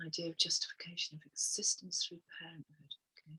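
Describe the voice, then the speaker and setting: A woman with a bright, sharp edge and a husky, breathy grain reads chakra statements on a group wellness call. She is soft-spoken and musing, and she drops in a quiet "okay" between readings as she guides listeners through affirmations. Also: lowish voice, flat delivery, fast talker, poor audio. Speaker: wellness guest speaker.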